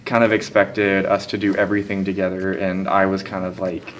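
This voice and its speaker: A man's voice: deep voice, monotone, fairly quick, over music. A young American man answering interview questions casually, with lots of "like" fillers. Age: young adult. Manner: casual, filler-heavy with frequent "like".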